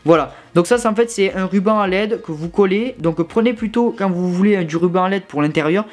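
Young male tech vlogger, slightly high voice, informal gadget review. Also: brisk. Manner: chatty, informal, with many fillers and restarts. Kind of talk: casual product review. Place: his bedroom.

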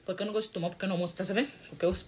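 A woman's voice: mid-range voice, steady tone, rapid-fire, a little hiss or hum. A woman from Angola with an Angolan Portuguese accent, ranting profanely to her vlog audience in a combative, mocking way and repeating her points. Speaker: vlogger. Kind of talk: angry profane rant to camera. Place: United States.

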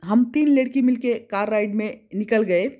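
A woman travel vlogger from West Bengal chats casually on a road trip, listing places and costs as she goes. She records on a phone held at arm's length, both in a car and outdoors. Her voice is mid-range and warm, at a moderate pace.

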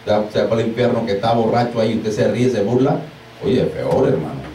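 A man's voice: on the low side, fast, a little hiss or hum. A man who is a deliverance minister, preaching informally to a small group, acting out exclamations and laughing as he goes, recorded far from the mic in an echoey room. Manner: animated, mimics exclamations, laughs while preaching.

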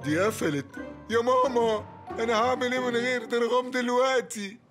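An actor with an Egyptian accent voicing an excitable, whiny cartoon best friend who cries out dramatically. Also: male voice, extremely high pitch, brisk, over loud music. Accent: Egyptian Arabic. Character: excitable clingy young man, best friend. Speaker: cartoon dub character.

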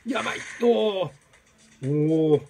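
A man commentating his own gameplay, exclaiming and repeating words in quick bursts. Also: high voice, lively intonation, darkish tone, soft background music. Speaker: game streamer. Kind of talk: excited let's-play commentary.

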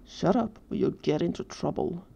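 A woman's voice: expressive, normal speed, creaky, mellow, highs cut off. Danny, a hissing teenage boy, read by a woman. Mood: threatening. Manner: low hissing threats. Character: cold, threatening teenage boy with ghost powers.

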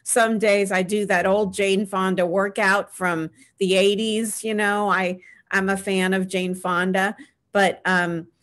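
This middle-aged woman is on a video call panel, using a webcam in a small room at home as she answers questions in an earnest, advice-giving manner. Her medium pitch carries a level, fairly bright tone, broken up by frequent "um" pauses.

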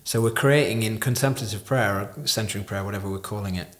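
A man's voice: lowish voice, fast, a bit bright. A man in his thirties hosting a podcast in thoughtful conversation at a desk microphone. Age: 30s. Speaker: podcast host. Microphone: podcast microphone on desk stand.

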